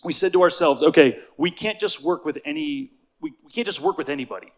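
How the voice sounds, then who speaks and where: A man with a fairly high voice hosts a conference from a theater stage, introducing a speaker. He talks with enthusiasm, stumbling and repeating words as he goes. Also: a little fast. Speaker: conference host.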